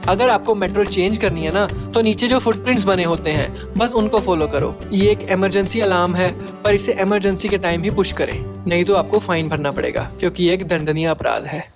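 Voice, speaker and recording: A man's voice: high-pitched, a little fast, few pauses, over music. A man giving casual travel tips in a chatty, informal way, talking to the listener like a buddy.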